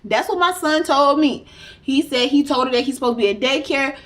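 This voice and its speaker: A young woman, casually telling a story to her vlog audience and acting out what people said. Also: brisk. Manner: animated retelling, acts out quotes with rising pitch. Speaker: vlogger.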